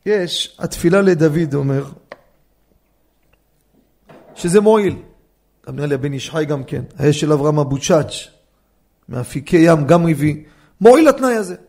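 Animated rabbi, gravelly high voice. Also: male voice. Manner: animated, fires rhetorical questions at listeners. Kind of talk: Torah law lecture. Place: study hall class.

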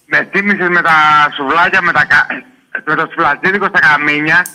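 A male caller with a high, very sharp and bright voice who chats casually and reminisces with an easy, friendly manner. He talks in loose, rambling stretches. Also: steady tone, poor audio. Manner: chatty and reminiscing, laughing easily. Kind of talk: casual phone-in chat.

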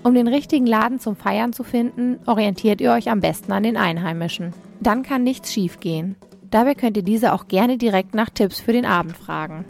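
Young woman with a gravelly voice. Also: medium pitch, moderate pace, darkish tone, faint music behind. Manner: reads smoothly, addresses listeners directly. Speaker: radio reporter. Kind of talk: scripted travel report.

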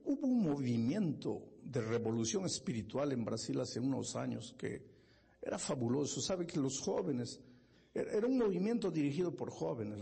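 Gravelly, husky preaching man. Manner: impassioned, building to loud high-pitched emphasis. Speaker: pastor. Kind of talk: sermon storytelling.

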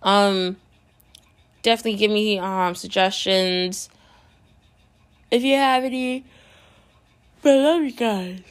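A woman's voice: mid-range voice, takes it slowly, long pauses. Chatty woman vlogger, casual and gossipy. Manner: chatty, gossipy storytelling with lots of fillers; acts out quoted friends in her retelling. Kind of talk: casual chat to viewers.

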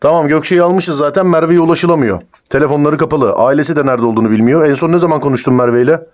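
A man making a prank phone call as a stern crime officer, interrogating in a pushy, rapid-fire way. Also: fairly high pitch.

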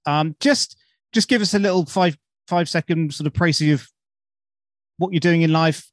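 A man's voice: fairly high pitch, normal speed, no echo, studio quality. A British man hosting a podcast in an informal, enthusiastic, chatty way. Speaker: podcast host. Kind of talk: casual chat.

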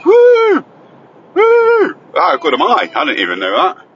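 With a husky, sing-song mid-range voice, he talks fast while joking and teasing his way through a casual school-run chat as host and father. The recording comes from a phone voice recorder inside a car on the road, and the highs are cut off.

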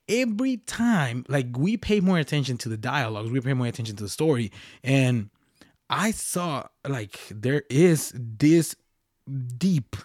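On his own podcast, a young man rambles casually, restarting sentences and dropping slang as he talks solo. His voice sits at an ordinary middle pitch, and the sound is dry and close with no room echo.

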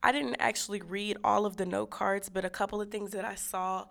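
Creaky-voiced young American woman. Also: mid-range voice, steady tone, a little fast. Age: young adult. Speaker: student election candidate, interview guest. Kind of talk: casual interview answers. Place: radio studio.

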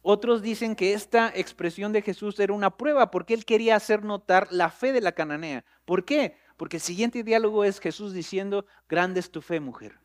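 A man preaching a sermon as pastor, talking straight to his listeners in a conversational way and building up to loud, emphatic peaks. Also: high voice, fairly quick, few pauses.

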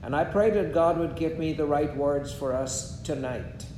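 A man, preaching in short measured phrases and pausing after each one for an interpreter. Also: warm tone. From Guyana. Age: 70s. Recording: echoey room with a faint rumble.

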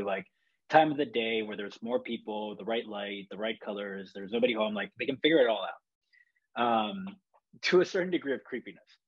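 A man's voice: on the low side, fairly bright tone, slightly rough, lo-fi sound. A man from Chile, a photographer, talking in a rambling, reflective way with many fillers and restarts. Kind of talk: casual podcast chat.

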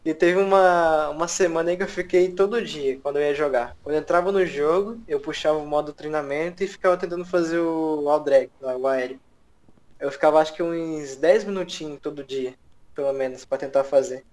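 Higher-pitched young Brazilian man, casual. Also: brisk, a little mellow. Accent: Brazilian Portuguese. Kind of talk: casual gaming chat, slangy.

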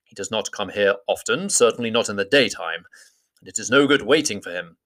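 A man's voice: fairly low pitch, expressive, brisk, fairly bright tone. A man voicing a wise, commanding old male wizard in a storybook reading, with grand formal speech. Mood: grave.

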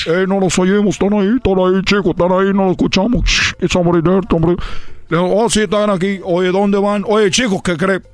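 A man voicing an excitable, boastful male baseball player, telling rambling tall tales in a comic radio sketch and shouting his catchphrases. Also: close to an everyday voice. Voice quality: high, squealing delivery. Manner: rambling, shouting catchphrases, laughing at own jokes. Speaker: recurring comedy character on a radio show.

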